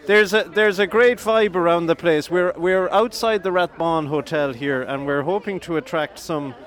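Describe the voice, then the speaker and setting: A man's voice: sits high, moderate pace. A middle-aged man, hosting a casual community radio interview in a chatty, teasing way. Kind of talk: casual outdoor broadcast interview. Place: outdoors in a busy town square outside a hotel. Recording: outdoor field recording, loud music behind. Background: loud country music from pubs.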